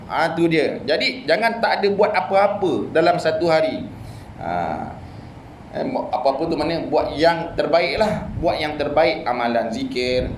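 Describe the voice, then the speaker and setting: A man's voice: sits high, reverberant, a little hiss or hum, low-quality recording. A male religious teacher with a Malaysian Malay accent giving a study-circle lecture in a mosque. He teaches in a conversational way, with many "ha" and "eh" asides. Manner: conversational teaching with frequent "ha" and "eh" interjections. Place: mosque prayer hall.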